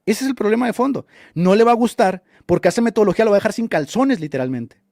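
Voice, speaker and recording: A male radio host with a fast, high, animated voice, vocal fry and a slightly mellow quality delivers combative live commentary answering a chat. Mocking and scornful, he insults opponents and argues, lecturing with rhetorical questions. The sound is clean studio audio with no echo.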